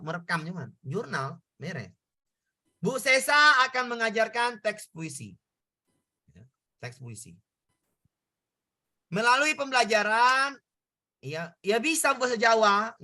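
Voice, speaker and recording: Guy tutoring over a video call, bright voice, keeps asking if u get it. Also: high-pitched. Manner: repetitive, coaxing questions to students. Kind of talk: online exam-prep lesson.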